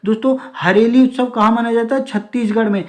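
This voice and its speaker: A man's voice: very high-pitched, steady tone, fast. A young man teaching an exam revision lesson, reading out quiz questions and options and then giving each answer, often addressing listeners as friends.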